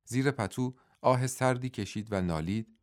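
A man narrating an audiobook in a measured storytelling manner. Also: mid-range voice.

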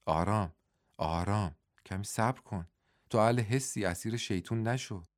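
A man's voice: lowish voice, dry recording, clean studio sound, natural voice. A man reading the part of a wounded, weary young man in a storybook, speaking in a tired, subdued way.

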